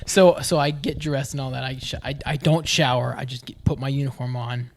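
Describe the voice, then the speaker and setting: A man's voice: mid-range voice, steady tone, brisk, vocal fry, a crowd in the background. A young man on a casual podcast who tells a long story and keeps restarting his sentences. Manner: rambling, stumbles over restarts while telling a story. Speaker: podcast co-host. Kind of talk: casual chat.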